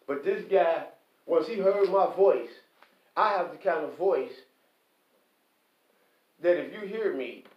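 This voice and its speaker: An online commentator, a high-voiced man, delivers an impassioned, preachy monologue in an echoey room, quoting scripture. He is animated yet slow, pausing often, emphatic and repetitive, and keeps asking "okay?" The recording sounds echoey, distant, and dull, like lo-fi.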